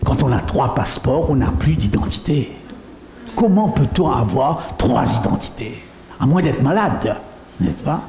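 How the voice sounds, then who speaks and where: Animated, slow-paced preacher man in an echoey hall. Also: mid-range voice. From Mauritius. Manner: animated, asks the audience rhetorical questions. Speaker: pastor. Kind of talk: sermon testimony. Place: church meeting hall. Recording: echoey hall with faint noise.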